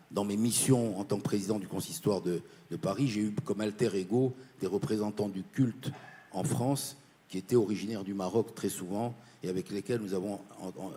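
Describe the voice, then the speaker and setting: A man's voice: fairly low pitch, dark tone. Earnest man from Morocco giving a speech. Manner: earnest and insistent, repeating key points. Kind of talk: formal panel speech. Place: conference panel.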